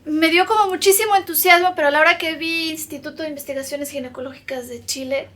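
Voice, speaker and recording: High-voiced Mexican woman, halting testimony. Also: steady tone, fairly bright tone. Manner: hesitant, repeats words, long spoken lists. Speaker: patient interviewee. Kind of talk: documentary interview testimony. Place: doctor's consulting room.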